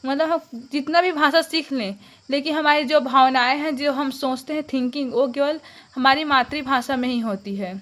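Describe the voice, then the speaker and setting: A woman's voice: high voice, fairly bright tone. A young woman teaching an exam-prep lesson, reading out definitions and then restating them simply. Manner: explains terms slowly, repeating them.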